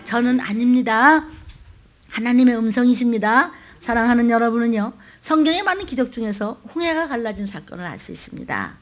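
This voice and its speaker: A woman's voice: fairly high pitch, expressive, a little fast. An older woman pastor preaching a sermon. She acts out the voices of scripture and calls on the congregation to respond.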